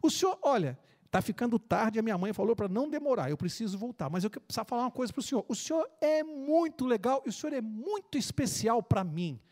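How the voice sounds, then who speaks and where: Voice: medium pitch, big pitch swings, fast talker, hardly any pauses, darkish tone, voice pushed up. A preacher in a sermon story voicing an eager, sincere small boy who gushes breathlessly. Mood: earnest. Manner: breathless, gushing.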